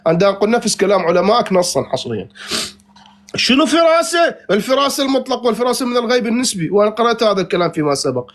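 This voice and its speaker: A man's voice: high voice, sing-song, racing. A man in a heated online debate, insistent and repeating his challenges.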